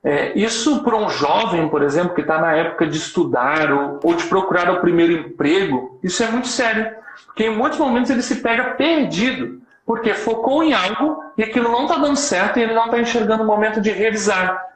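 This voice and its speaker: A man, a guest giving measured advice in a live stream conversation, often ending points with tag questions. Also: high voice, lively intonation, reverberant, low-quality recording.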